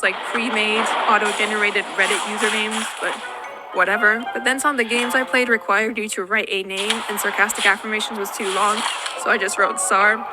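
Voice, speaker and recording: The recording is low quality, and the young woman's voice sits on the high side. She's a Finnish YouTuber and native speaker, answering viewer questions with a dry, self-deprecating Q&A voice-over.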